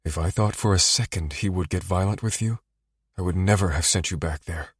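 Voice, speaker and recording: Give me a man with a deep voice reading a first-person romance audiobook, calm and intimate. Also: brisk, breathy edge, no room sound, studio quality. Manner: low, steady, intimate storytelling. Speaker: audiobook narrator.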